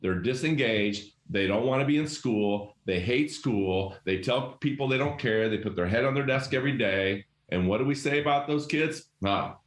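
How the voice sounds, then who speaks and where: A man's voice: on the low side, echoey room. A middle-aged man, a guest leadership coach, talking emphatically and animatedly in casual conversation, acting out quoted voices. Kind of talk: passionate conversational storytelling.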